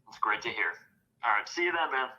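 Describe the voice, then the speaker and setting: A cocky, flaky young man played by an actor stalls and drawls in slang through a film phone call. His voice is very bright and lively, swinging widely in pitch, with slightly dull sound. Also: slight background noise. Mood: judging. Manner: hesitant, drawn-out stalling, slangy. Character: flaky, cocky young male party-going friend. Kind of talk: acted phone conversation.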